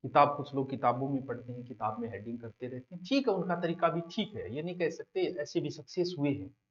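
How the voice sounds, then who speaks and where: A man's voice: medium pitch, brisk. A male coaching teacher, giving a direct, conversational exam-prep lecture to students. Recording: dull lo-fi classroom recording.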